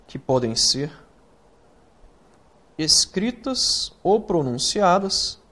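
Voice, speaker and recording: A Brazilian man teaching writing in an online course, talking straight to the student with rhetorical questions and spelling acronyms out slowly letter by letter. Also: high voice, sing-song, fairly bright tone. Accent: Brazilian Portuguese. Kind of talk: recorded online lesson.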